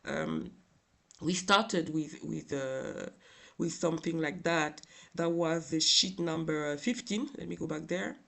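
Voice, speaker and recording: Tearful man with a very creaky voice. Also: on the high side, very animated, fairly bright tone. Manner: halting, hesitant, frequent filled pauses. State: tearful, crying voice. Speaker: software tutorial instructor. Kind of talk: informal screen tutorial narration.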